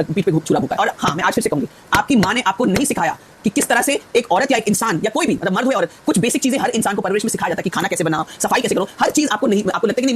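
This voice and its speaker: A woman contestant on a reality show, rapidly and insistently accusing someone in a heated confrontation. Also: medium pitch, noisy background.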